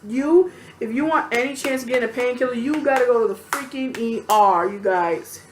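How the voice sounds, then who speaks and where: A woman telling a personal story to camera in a casual, animated, chatty way, venting bluntly and acting out quotes. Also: on the high side, moderate pace, faint music behind. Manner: animated, chatty, lots of fillers and acted-out quotes.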